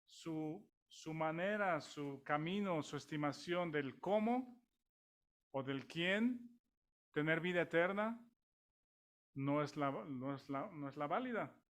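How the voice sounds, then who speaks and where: A man's voice: on the high side, animated, slow, a bit bright. A man with a Mexican accent preaching a sermon in a conversational way, with many restarts and rhetorical questions to the congregation.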